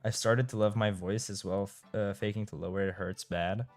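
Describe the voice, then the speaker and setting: With faint music behind him, a young Romanian streamer chats casually with his live audience as he plays, reading chat aloud and now and then tripping over his words. He has a Romanian accent and speaks on the low side with a steady tone at a moderate pace.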